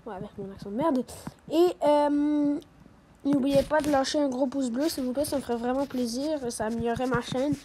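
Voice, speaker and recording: A woman commentating her own online game as channel host, excitable and swearing when things go wrong. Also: sits high, moderate pace. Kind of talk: live gameplay commentary. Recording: noisy home recording with clicks.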